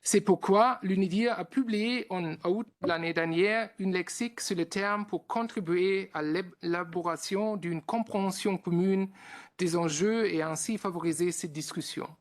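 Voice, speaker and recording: A man's voice: high-pitched, unhurried. A man with a German accent, an institute director giving formal opening remarks at a conference, reading with frequent hesitations.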